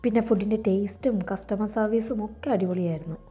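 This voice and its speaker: A woman's voice: medium pitch, fast, loud music behind the voice. A woman gives casual travel vlog narration as a vlogger.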